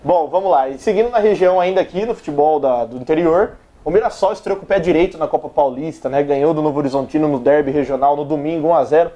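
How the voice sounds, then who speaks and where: A man's voice: on the high side, quick pace, few pauses, mellow, dull audio. A man hosting a casual studio sports chat show, reading viewer comments aloud in a chatty way.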